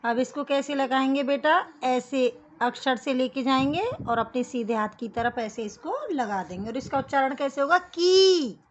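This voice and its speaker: A woman's voice: sits high, normal speed, few pauses, highs cut off, a little hiss or hum. A woman teaching young children a writing lesson, patiently explaining each step and calling them "beta". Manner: patient, addresses kids as beta.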